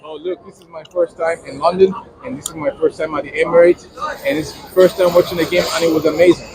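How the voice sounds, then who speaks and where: A man's voice: fairly high pitch, fairly even intonation, fast talker, a crowd in the background. A man giving a casual fan interview outdoors after a match, repeating words for emphasis. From Nigeria. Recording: noisy outdoor setting with traffic.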